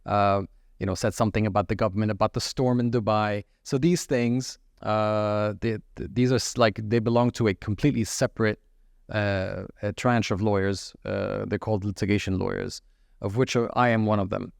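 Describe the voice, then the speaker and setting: In answering podcast interview questions, a middle-aged man from the UAE sounds like a seasoned lawyer: steady and measured, yet frequently stalling on fillers and starting phrases over. His voice is low and gravelly, and the sound is close and dry.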